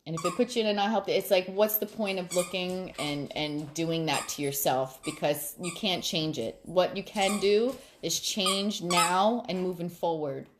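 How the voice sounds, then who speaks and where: A middle-aged woman vlogging casually late at night, chatty and quick to laugh, then calm and reflective as she gives advice to her viewers. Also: fairly low pitch, noisy background.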